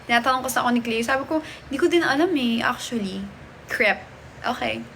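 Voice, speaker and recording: A woman's voice: fairly high pitch, a little fast, vocal fry, fairly bright tone, slight background noise. A woman hosting a casual live stream from a hotel, chatting and greeting viewers as she reads their comments. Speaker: livestream host. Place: hotel room.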